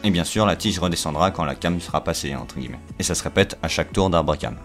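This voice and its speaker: A young man with a deep, low voice explains engine parts in a loose, chatty way. He pauses often on fillers, restarts his sentences and slips in teasing asides. Faint music plays underneath. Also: expressive. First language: French. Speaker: video creator explaining engines. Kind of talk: casual technical explanation.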